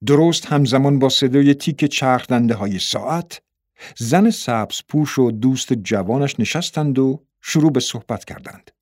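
A man narrates a story at an even, steady pace, voice sitting in a middle register. His delivery is measured storytelling. The sound is dry and close with no room echo. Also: mid-range voice. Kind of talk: audiobook narration.

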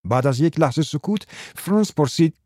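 Man reading a story aloud, calm and steady, dark mellow voice, dry close sound. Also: on the high side, no echo. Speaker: narrator. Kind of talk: audiobook narration.

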